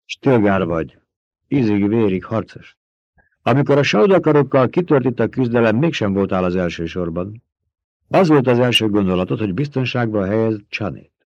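A man reading the part of a stern, commanding young desert leader with a sharp, forceful way of questioning. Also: fairly low pitch, lively intonation, no echo. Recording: dull, dry recording.

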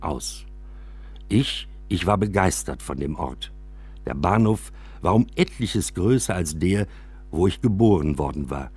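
A husky male narrator reads a memoir aloud, giving scripted, first-person literary storytelling. He is highly expressive and acts out the quoted dialogue.

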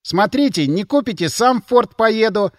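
A cheeky young village lad, as a male narrator puts him on, high and whiny, his voice leaping up and down as he pushes his price. The delivery is pushy and dry, with no room sound at all. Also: animated, normal speed, no echo. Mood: pushy haggling.

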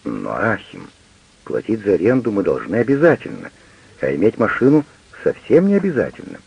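A man with a gravelly, husky voice voicing an indignant, hurt middle-aged wife who argues with her husband in an audiobook. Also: lowish voice, huge pitch swings, moderate pace, highs cut off, exaggerated voice. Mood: doubtful. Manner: reproachful, heated, pleading.

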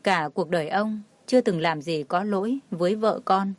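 A woman tells a dramatic story in an even storytelling voice. Her voice sits at a middle pitch. It is recorded close and dry, with no room sound. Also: moderate pace, no echo. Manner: reads all the figures herself, barely changing her voice. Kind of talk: scripted narration.

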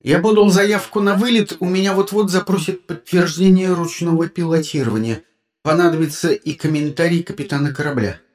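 A man's voice: fairly high pitch, a little fast, natural voice. A reader voicing an urgent, commanding man on a ship's bridge in a storybook reading.

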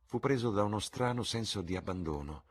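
A man reading a classic novel aloud as narrator, with a husky voice and a measured, subdued delivery. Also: on the low side, lively intonation. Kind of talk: audiobook reading.

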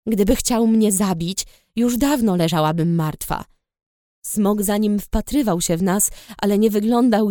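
A woman's voice: a little high, darkish tone, no echo, clean studio sound. A woman reading a first-person audiobook story in a tense, dramatic way. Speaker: audiobook narrator. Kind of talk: first-person scripted narration.

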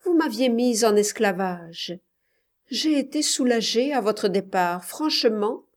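A woman's voice: fairly high pitch, expressive, a little slow. A woman reading the part of a proud young countrywoman who answers defiantly and sarcastically, in an audiobook.

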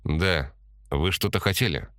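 A man voicing a hot-tempered young man who shouts coarse threats in an audiobook. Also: sits low, a little slow, clean tone, dry recording, clean studio sound. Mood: sullen.

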